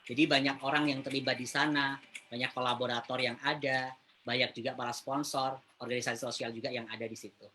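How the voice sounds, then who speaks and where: A man presenting a webinar in a casual, chatty way, often pausing with hesitant fillers as he addresses the viewers. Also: medium pitch, flat delivery, background noise. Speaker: webinar speaker.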